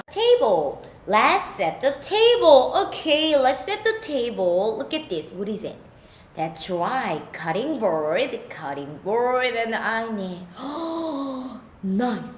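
A woman's voice: on the high side, big pitch swings, slow, roomy sound, a little hiss or hum. A woman with a Korean accent teaching English to small children, exaggerated and sing-song, full of gasps and cheers. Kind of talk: playful lesson for small children.

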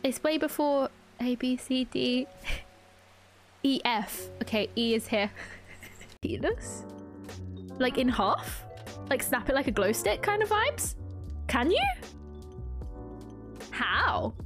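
A woman's voice: high-pitched, sing-song, takes it slowly, long pauses, music in the background. A young woman streaming a video game, chatting casually and breaking into frequent giggles and squeals. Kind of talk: casual gameplay commentary.

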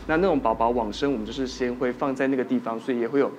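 A man's voice: medium pitch, fairly even intonation, very fast. A man, a doctor guest telling a ghost story on a TV talk show and quoting people in dialogue. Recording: studio with music playing under it.

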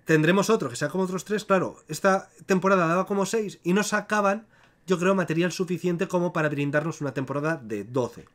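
A man from hosts a podcast in easygoing conversation. His voice sits a little high, and he talks in an animated way, often tripping over and restarting his words. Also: brisk. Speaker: podcast host. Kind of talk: casual chat.

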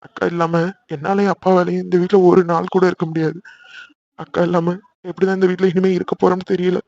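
A man's voice: sits high, little pitch movement, quick pace, gravelly, a little mellow, no room sound, lo-fi sound. A man voicing a young brother who bickers with his sisters in a cartoon, exasperated and chatty. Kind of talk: cartoon voice acting.

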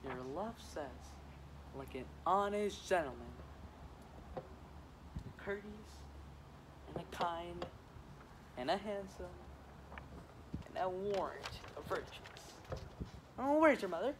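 A man's voice: high-pitched, big pitch swings, takes it slowly, long pauses, background noise, heavily acted. A teenage boy playing a weary, teasing old woman nurse in a school Shakespeare reading, drawing out complaints about her aches. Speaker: student actor.

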